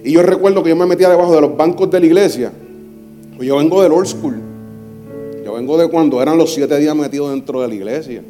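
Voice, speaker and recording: A preacher in his forties tells his story from the pulpit, with humor and a habit of repeating phrases. His voice sits high but sounds mellow and warm, with a faint guitar playing underneath. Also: fast. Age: 40s. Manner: lively storytelling with repetition and humor. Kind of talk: testimony sermon.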